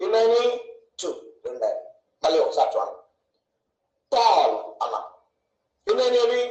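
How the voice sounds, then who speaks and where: A man with a high, somewhat mellow voice leads an online English grammar class from an echoey room. He answers his own questions and stretches words out one syllable at a time.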